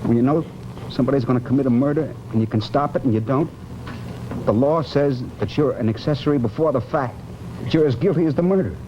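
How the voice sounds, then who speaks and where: A man's voice: mid-range voice, fast, mellow, lightly acted. An actor playing a haunted, guilt-ridden man confessing his fear of death, intense and brooding in the manner of 1950s television drama. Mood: bitter self-accusation. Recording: muffled, noisy old television soundtrack.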